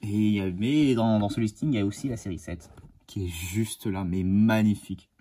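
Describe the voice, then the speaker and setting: A man hosting a casual unboxing vlog as a model car collector, enthusiastic and halting, with many fillers and restarts. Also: fairly low pitch, mellow. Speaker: die-cast model car collector and channel host.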